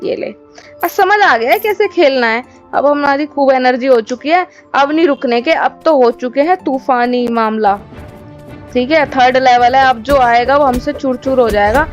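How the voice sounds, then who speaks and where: A high-voiced woman commentating her gameplay with loud, playful trash talk, repeating her threats over and over. The audio is a little dull, with faint game music running underneath. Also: moderate pace. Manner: high-energy, exclaiming and repeating phrases. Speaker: gaming commentator.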